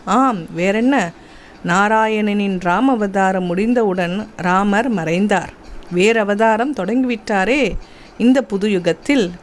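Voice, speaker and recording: Woman narrator doing a teasing male sage, slow knowing delivery for a devotional tale. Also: mid-range voice, slight background noise, natural voice.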